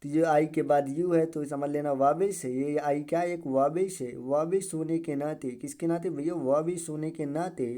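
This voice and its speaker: A man giving an English pronunciation lesson. He keeps repeating words and asking the viewer quick questions. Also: a little high, fairly even intonation, dark tone. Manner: drills each word over and over. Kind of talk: classroom-style video lesson.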